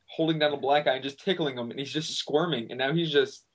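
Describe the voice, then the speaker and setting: A man's voice: mid-range voice, fast talker, rough recording. A young man co-hosting a casual podcast among friends. His voice sits in an ordinary middle range, and he tells stories in a loose, rambling way, laughing often as he goes. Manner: giggly, rambling storyteller. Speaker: podcast co-host. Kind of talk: casual chat.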